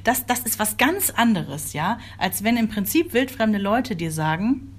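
A woman's voice: big pitch swings, measured pace. A woman in her thirties in casual chat, speaking emphatically and quoting others. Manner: emphatic, acts out quotes in a lower voice.

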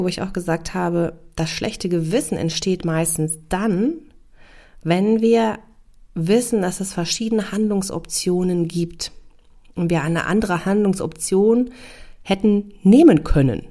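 A woman's voice: medium pitch, dark tone. A woman hosting a parenting podcast in a conversational monologue, often checking in with the listener.

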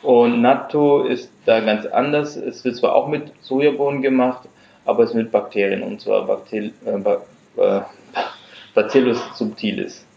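A man's voice: medium pitch, steady tone, normal speed, creaky. A man, the guest on an interview podcast, explaining his craft in his workshop with occasional fillers. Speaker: guest, fermentation producer. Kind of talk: casual interview. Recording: echoey room, dull lo-fi sound.

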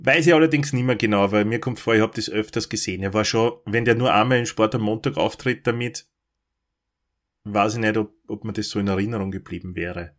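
A man's voice: on the low side, a little fast. Playful Austrian man on a call. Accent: Austrian German. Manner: playful, jokingly sings and does mock announcer calls. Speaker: podcast co-host. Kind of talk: casual chat. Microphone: remote call, Skype.

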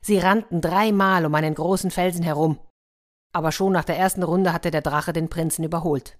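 A woman reading a fairy tale aloud for children in a gentle, expressive storytelling manner. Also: on the low side, a little fast.

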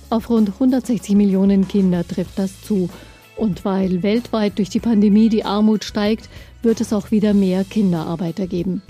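A woman hosting a podcast, reading a scripted intro and then interviewing her guest in a measured, articulate way. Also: mid-range voice, slightly rough. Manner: measured, articulate, even-paced. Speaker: podcast host.

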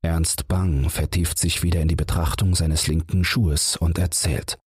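A man reading a bedtime audiobook in a calm, unhurried manner with a husky voice, close to the mic. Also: deep voice, dry recording. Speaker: audiobook narrator.

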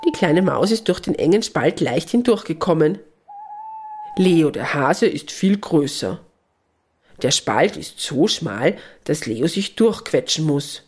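Woman narrator, low, husky, gentle storybook reading. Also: big pitch swings, takes it slowly.

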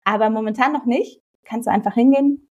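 A woman's voice: a little high, a little fast, a little mellow, highs cut off. A young woman from Germany, a guest on a podcast, enthusiastically giving travel tips in casual chat.

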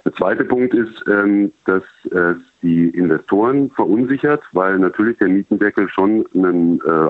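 A male journalist explaining things over a low-quality telephone line, in a measured way with many hesitation sounds. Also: no room sound. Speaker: journalist colleague reporting by phone. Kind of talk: explanatory phone interview answers. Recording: tinny, dry phone line.

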